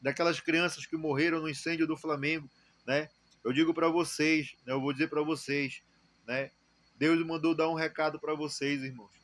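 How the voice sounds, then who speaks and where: Brazilian guy preaching his testimony, kinda high voice, stumbles and repeats himself, dry close sound. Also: flat delivery, a bit bright, no room sound. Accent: Brazilian Portuguese. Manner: halting, many repeated words and fillers; preaching exhortation. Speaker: church member giving testimony. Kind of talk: spoken testimony.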